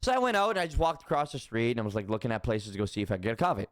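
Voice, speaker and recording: A man's voice: mid-range voice, big pitch swings, racing, no echo, clean studio sound. A young man casually telling stories, swearing often, repeating his phrases and laughing as he talks. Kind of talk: casual storytelling chat.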